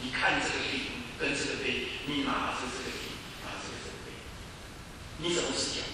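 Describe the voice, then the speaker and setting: A man preaching a sermon, moving between soft, low passages and raised, emphatic lines. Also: fairly even intonation, fairly quick. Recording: echoey hall, voice from far off, faint background noise.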